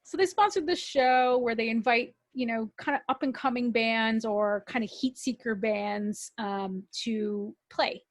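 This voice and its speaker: A woman from Canada, a guest musician, telling a story in a casual, animated way and swearing freely. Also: on the high side, a little slow, few pauses, no room sound. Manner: animated, swearing, acts out quoted voices.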